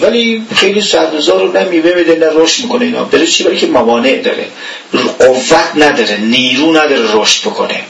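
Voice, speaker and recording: A man's voice: a little high, fairly bright tone. A man giving an informal religious lecture in a conversational way, asking rhetorical questions and chuckling now and then. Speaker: religious teacher. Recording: echoey room, voice from far off the mic.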